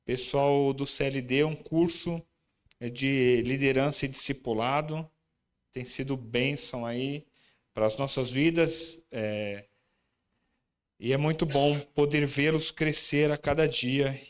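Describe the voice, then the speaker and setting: In a church sanctuary, a man with a medium-pitched, smooth voice speaks slowly as he introduces his student group and then moves into his sermon. He adds chatty, informal asides to the congregation.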